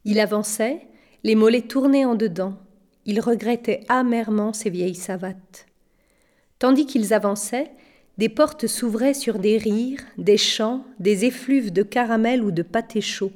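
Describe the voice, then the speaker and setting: A woman reads a children's storybook aloud, gentle and measured. Her voice sits a little high and she takes her time over each phrase. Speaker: narrator. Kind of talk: audiobook narration.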